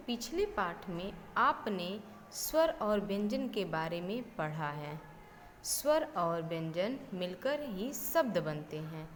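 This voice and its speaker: A woman teaching young children a Hindi lesson, repeating each phrase and spelling words out letter by letter, dropping in English words like "okay". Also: medium pitch. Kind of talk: slow primary-school Hindi lesson. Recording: reverberant room with faint background noise.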